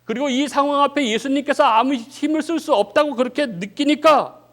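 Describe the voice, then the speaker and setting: A male pastor preaching a sermon with dramatic swings of voice, often saying "예" between phrases and dropping low and soft at the ends of sentences. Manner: dramatic preaching that acts out the disciples' cries, rising and falling sharply; frequent filler "예" between phrases.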